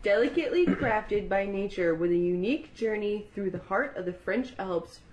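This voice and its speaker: A woman's voice: medium pitch, expressive, normal speed, a little mellow, highs cut off. A woman co-hosting a podcast in casual chat, amused and explaining things. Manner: amused, explains, reads aloud. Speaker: podcast co-host.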